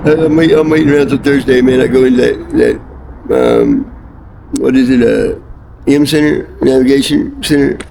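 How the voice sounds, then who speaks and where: A middle-aged American man with a folksy country drawl, chatting casually in a rambling, halting, profane way. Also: expressive, vocal fry. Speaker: homeless interviewee. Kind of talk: casual street chat. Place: outdoors near railroad and traffic. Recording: noisy outdoor recording with traffic rumble.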